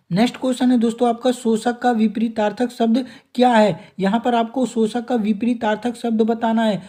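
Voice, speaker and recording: Mellow-voiced man running exam quiz revision. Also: very high-pitched. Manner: calls the listener "दोस्तों" often, reads options then gives answer. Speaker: exam prep teacher.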